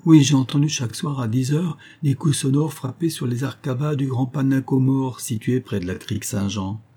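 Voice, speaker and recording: A man voicing a big, strong, superstitious male worker who speaks loudly and earnestly. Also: mid-range voice, moderate pace, slightly rough, pitched above the performer's own voice, close to an everyday voice.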